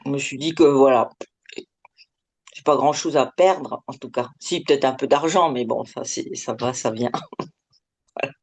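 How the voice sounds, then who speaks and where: Woman with a deep pitch-shifted voice, hesitant. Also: unhurried, long pauses, a little mellow. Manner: hesitant, with frequent trailing filler words. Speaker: interviewee giving an anonymous testimonial. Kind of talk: candid, informal interview answers.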